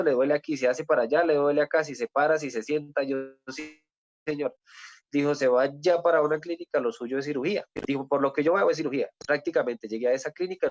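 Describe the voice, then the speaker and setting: A man's voice: fairly high pitch, dry recording, dull audio. Earnest Colombian man giving a testimony. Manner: earnest, with repeated rhetorical "¿sí?" and restarts. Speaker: testimony speaker.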